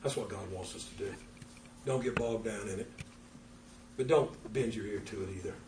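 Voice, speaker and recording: An older man preaching a folksy, animated sermon as pastor, acting out little conversations. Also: on the low side, moderate pace, background noise. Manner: folksy, animated, acts out dialogue. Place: church. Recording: echoey church room from far off.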